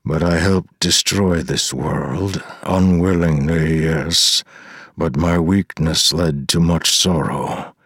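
Ancient weary demigod, deep and dragging, slow, heavy lines, read by a male narrator. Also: fairly even intonation, fairly bright tone, husky, dry recording, studio quality, exaggerated voice. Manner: slow, heavy, low delivery.

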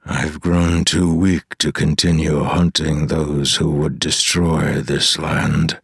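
Ancient weary demigod, deep and dragging, slow, heavy lines, read by a male narrator. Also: little pitch movement, gravelly, fairly bright tone, breathy edge, dry recording, clean studio sound, full character voice. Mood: grave. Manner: slow, heavy, low delivery.

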